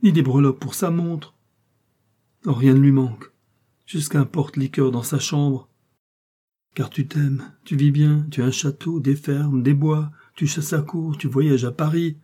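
Audiobook character: an impassioned, reproachful young woman, read by a man with a husky, mellow voice. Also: mid-range voice, moderate pace, pitched above the performer's own voice, natural voice. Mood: bitter. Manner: emotional, pleading, rising and reproachful. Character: desperate pleading young woman, passionate then bitter.

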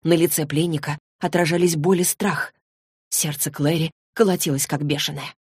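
A woman reads a fantasy novel aloud in an even, measured way. Her voice sits fairly low and sounds close and dry, with no room around it. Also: slightly rough, no echo. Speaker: narrator. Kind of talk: audiobook narration.

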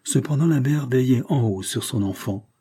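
A man narrating a classic novel in a calm, measured audiobook reading. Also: medium pitch, slightly rough.

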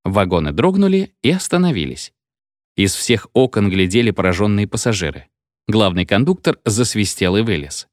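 A man narrates a satirical story as an audiobook, his pitch climbing and falling with great expression. His delivery is vivid and theatrical. The recording is dry and close. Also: very animated, moderate pace, no echo.

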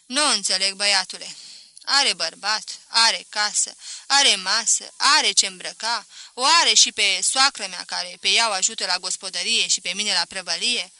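A woman's voice: medium pitch, dry recording. A woman voicing a grumbling middle-aged shopkeeper. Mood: complaining. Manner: loud, complaining, repeating himself. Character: grumbling small-town male shopkeeper, middle-aged, self-pitying.

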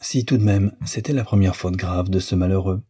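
A man's voice: deep voice, a little fast, warm tone, breathy edge, no room sound, clean studio sound. A man voicing a stern, wrathful older male lawyer who hammers out his indignant words. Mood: brooding.

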